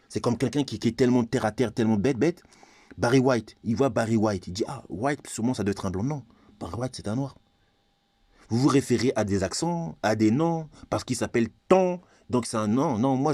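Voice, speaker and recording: A man's voice: mid-range voice, warm tone, no room sound, studio quality. A man from Congo ranting in a vlog monologue, confrontational and repetitive, firing rhetorical questions. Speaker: vlogger.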